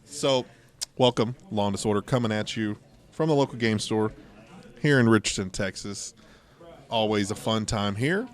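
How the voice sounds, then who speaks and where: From a local game store, the podcast host, a middle-aged American man, chats and tells stories that wander into digressions. He speaks at a moderate pace in a fairly low voice.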